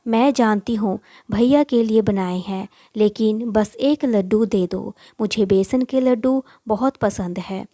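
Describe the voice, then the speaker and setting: A woman's voice: medium pitch, a little slow, few pauses, dry recording, studio quality. A woman doing a meek, pleading little girl. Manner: pleading, gentle. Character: meek, sad young girl. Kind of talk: storybook voice acting.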